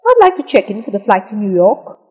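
A woman with a husky, breathy voice pitched a little high reads practice dialogue lines with a lively, rising and falling melody. Her delivery is slow and carefully enunciated, and a long reverb trails behind each phrase. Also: dull audio. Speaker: dialogue reader in an English lesson. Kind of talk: scripted dialogue reading.

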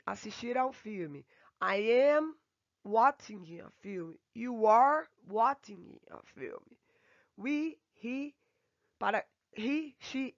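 A woman teaches English grammar remotely from home. She stretches out her English example sentences and rushes through the asides. The sound is dry and a little muffled. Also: mid-range voice, a bit bright, no echo. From Brazil. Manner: slow, drawn-out English examples between quick asides. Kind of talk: remote lesson explaining grammar. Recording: dull, dry home recording.

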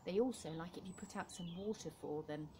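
A woman, a primary school teacher, talking gently and encouragingly to children in a home-recorded lesson from her kitchen. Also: lowish voice, fast talker, a little hiss or hum, low-quality recording. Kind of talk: home-learning video lesson.

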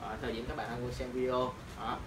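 A man's voice: mid-range voice, monotone, brisk. A young man presenting boxing gloves and hand wraps in a casual product demo, speaking loosely with many fillers. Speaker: martial arts shop presenter. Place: small room in a shop, indoors. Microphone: camera on tripod a few meters away. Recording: roomy, distant camera audio with noise.

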